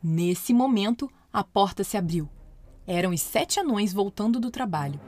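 Expressive woman narrating a children's story. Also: mid-range voice, normal speed, no room sound. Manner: expressive, playful. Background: soft music.

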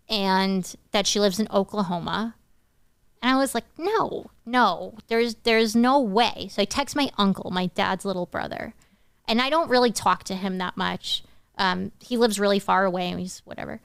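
A woman in her thirties, a podcast guest, telling a personal story in a lively, quick way. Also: medium pitch, creaky, clear, resonant tone, no room sound, studio quality. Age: 30s. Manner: animated, quick-talking, breaks into laughs. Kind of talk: casual storytelling.

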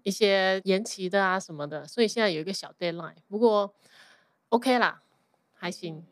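A woman's voice: medium pitch, moderate pace, no room sound. A woman with a Taiwanese Mandarin accent talks casually as an interview guest, dropping English words into her sentences. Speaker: podcast guest, accountant.

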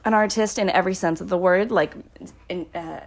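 A woman's voice: fairly low pitch, fairly quick. A young woman hosting a podcast in casual chat, rambling and swearing, often giggling as she introduces friends. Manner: giggly, breaks into laughter often. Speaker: podcast host.

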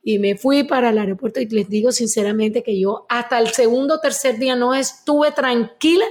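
Colombian woman telling a lively anecdote. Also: a little high, brisk. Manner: animated anecdote teller, acts out quoted voices. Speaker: guest. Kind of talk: casual storytelling.

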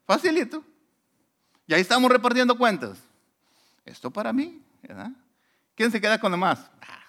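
A man preaching a sermon as a pastor, conversational and animated, often asking rhetorical questions. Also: extremely high pitch, moderate pace.

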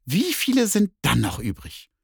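A man voicing a cheeky, boastful female neighbor cat in a children's story, with a high, snippy manner. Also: wildly swooping pitch, moderate pace, gravelly, husky, no room sound, clean studio sound, heavily acted. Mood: coaxing.

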